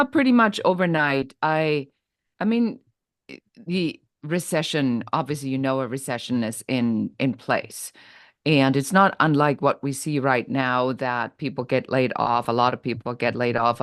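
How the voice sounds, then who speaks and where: Middle-aged woman guest; candid, energetic storyteller, dry close mic. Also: very deep voice, dry recording. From Germany. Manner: candid, energetic, quick bursts with frequent fillers. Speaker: podcast guest, business coach. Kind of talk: conversational storytelling interview.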